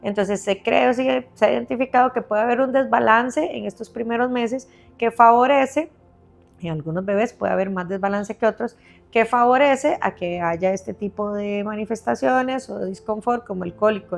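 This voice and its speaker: A woman's voice: a little high, moderate pace, vocal fry, faint music behind. A woman specialist patiently explaining baby health on a podcast, step by step, often checking in with her listener.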